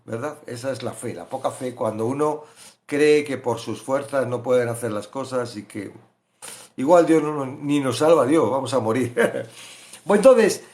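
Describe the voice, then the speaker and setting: Animated man preaching. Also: medium pitch, normal speed. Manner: animated, rhetorical questions, acts out quoted voices. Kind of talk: sermon-style Bible reflection.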